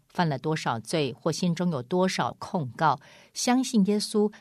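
A woman's voice: low-pitched, darkish tone, dry recording, studio quality. A woman preaching an evangelistic sermon in an emphatic, repetitive way, often acting out a back-and-forth with a doubting listener.

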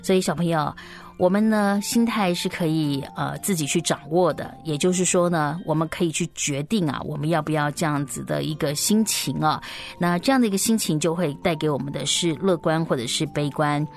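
Lady host reading to little kids, simple animated storytelling, lowish voice, faint music under it. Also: fairly quick, vocal fry. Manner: animated, simplified talk as if reading to small children; frequent soft sentence-ending particles. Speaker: children's radio story programme host. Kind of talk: storytelling to young children, slow and explanatory.

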